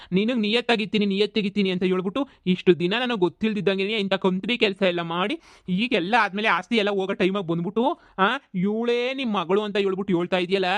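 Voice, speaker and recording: A man voicing a bullying, foul-mouthed middle-aged village landlord who shouts insults and threats, in a comedy cartoon. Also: sits high, dry recording, close to an everyday voice.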